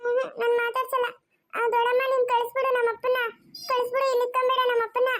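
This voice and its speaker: Cartoon child: woman voices insistent little girl, high and monotone. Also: fast talker. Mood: dismissive. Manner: insistent, repetitive. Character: stubborn young girl who rejects her father. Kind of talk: cartoon voice acting.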